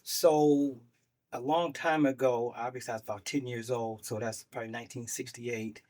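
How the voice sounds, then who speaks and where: Older male guest on a talk show, sixties, mid-pitched voice, animated storyteller who acts out the voices of people he quotes. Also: normal speed. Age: 60s. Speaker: guest doctor. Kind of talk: casual storytelling.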